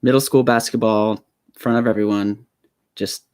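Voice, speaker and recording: A man's voice: lowish voice, fairly even intonation, normal speed, darkish tone, clean tone, dry recording. A young man hosting his own live stream from a home room studio on a small desk microphone, telling a story in a nervous, rambling way with many fillers and restarts.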